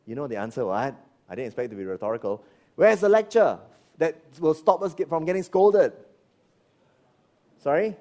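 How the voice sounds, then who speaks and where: A middle-aged man preaching a sermon, animated, firing rhetorical questions and dropping into low asides. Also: normal speed, long pauses. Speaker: pastor.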